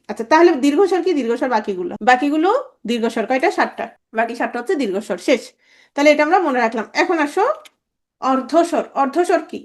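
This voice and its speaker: Woman, high-pitched, grammar teacher, repetitive drilling, asks and answers her own questions. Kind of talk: grammar lecture.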